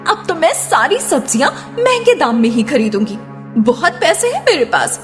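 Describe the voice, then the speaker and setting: A woman voicing a haughty, hot-tempered rich young daughter-in-law in an animated story, brash, boastful and argumentative. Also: high-pitched, moderate pace. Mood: haughty, angry. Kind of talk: Hindi animated moral-story acting. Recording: long reverb, loud background music.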